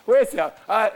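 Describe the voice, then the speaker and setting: A woman's voice: a little high, background noise. A woman with a Jamaican accent bantering playfully as a TV show host, boisterous and teasing, her words sometimes muffled by a mouth retractor. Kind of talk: playful casual banter during a party game.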